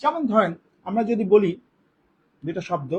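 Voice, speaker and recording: A man teaching a spelling lesson for exam preparation, explaining patiently and repeating example sentences slowly. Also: high-pitched, sing-song, darkish tone, dull audio, slight background noise. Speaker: grammar teacher.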